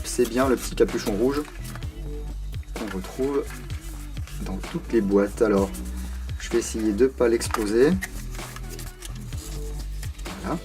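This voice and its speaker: A man's voice: mid-range voice, animated, normal speed, pauses often, music in the background. A man hosting his own video, reviewing a collectible replica in a casual, unscripted way, chatting with many hesitation fillers and self-deprecating asides.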